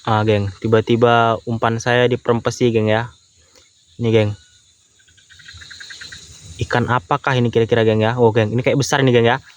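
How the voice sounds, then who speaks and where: A man's voice: mid-range voice, flat delivery, normal speed, long pauses, lo-fi sound. A young man chatting casually while fishing outdoors, tacking a friendly filler word onto nearly every phrase. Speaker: fishing vlogger. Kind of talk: casual fishing vlog commentary. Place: outdoors by water in the countryside. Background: crickets and insects.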